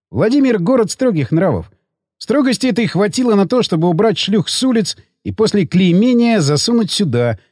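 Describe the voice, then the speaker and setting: A man narrating an audiobook in an expressive, ironic storytelling manner. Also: high-pitched, husky, no room sound, clean studio sound.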